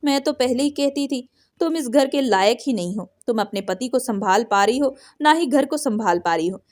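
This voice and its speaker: A woman's voice: fairly high pitch, expressive, normal speed, natural voice. Woman reading as a taunting sister-in-law. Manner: taunting, sneering.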